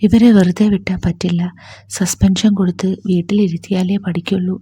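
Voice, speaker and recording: A woman's voice: lowish voice, level tone, fairly quick, slightly rough. A woman voicing a stern male college principal scolding students. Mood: angry. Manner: sharp, scolding.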